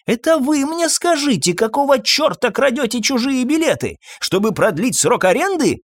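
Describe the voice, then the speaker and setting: A man voicing a frantic, disheveled middle-aged male professor who shouts indignantly. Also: very high voice, sing-song, normal speed, no room sound, clean studio sound, voice pushed up, heavily acted.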